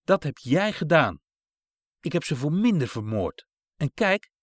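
A man reads aloud and puts on a heartless woman from a storybook, sneering and threatening in a raised voice. The voice swings widely in pitch, and the sound is dry and close. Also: big pitch swings, a little fast, dry recording, natural voice. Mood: menacing. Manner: mocking, menacing, raised. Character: cruel cackling woman who abandons a toddler.

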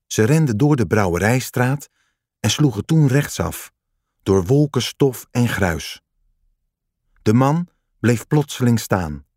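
A man reading a story aloud in calm, measured scripted narration. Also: medium pitch, dry recording, clean studio sound.

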